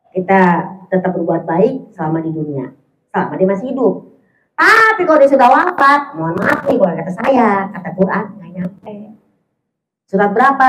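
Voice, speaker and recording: A woman's voice: medium pitch, a little hiss or hum. A woman giving an informal religious study talk, chatty and affectionate with her audience. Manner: chatty, affectionate, calls listeners "sayang". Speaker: preacher. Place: mosque hall. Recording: echoey, dull hall recording.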